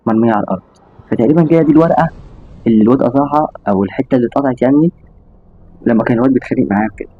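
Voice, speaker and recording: A man's voice: medium pitch, slightly rough, no room sound. An Egyptian man tells a story to his audience at a breakneck pace, piling on exclamations and restarting his sentences. The voice sits dry and close, with no room around it. The audio is slightly dull, with faint music underneath. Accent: Egyptian Arabic. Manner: rapid, animated retelling with exclamations and restarts. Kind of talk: casual spoken storytelling to an audience.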